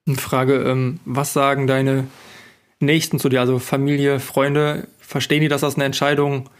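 Casting note: male interviewer, monotone delivery, careful probing questions. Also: medium pitch, smooth. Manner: measured, probing questions with hesitations. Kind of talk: casual conversation.

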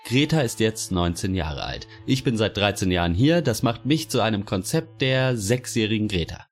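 A man's voice: lowish voice, lively intonation, moderate pace, faint music behind. A man voicing a touchy, pompous old male official in a spoken story.

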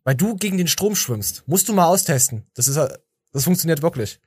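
A man's voice: on the high side, lively intonation, fairly quick, a little mellow, breathy edge, no echo. A tired man hosting a podcast, rambling and joking with stammering restarts. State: tired from little sleep. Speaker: podcast host. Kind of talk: casual chat.

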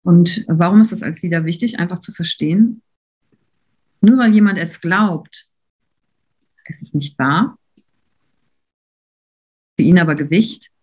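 A woman giving a university lecture in a lively, conversational way, putting questions to her audience in the room. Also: on the low side, unhurried, pauses often, husky. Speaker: university lecturer on coaching and leadership.

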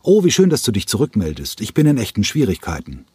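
An urgent, persuasive ballet director, voiced by a man reading an audiobook, pitched up a little from a low, husky reader's voice. He presses and insists, impatient to get his way. The dry, close recording has no room sound. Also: wildly swooping pitch, quick pace, darkish tone, no room sound, heavily acted. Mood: urgent, pleading.

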